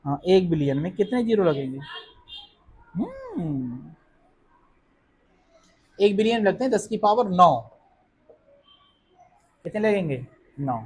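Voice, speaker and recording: A man's voice: high voice, huge pitch swings, slow pace, pauses often, a little mellow, a little hiss or hum. A male chemistry teacher with a Hindi accent lecturing a class. He keeps asking questions and answering them himself, and reassures students that it is not hard.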